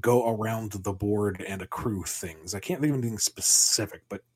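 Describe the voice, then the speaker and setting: A man's voice: on the low side, normal speed, a little mellow, husky. A man in casual podcast chat, playfully riffing on comic scenarios as a co-host.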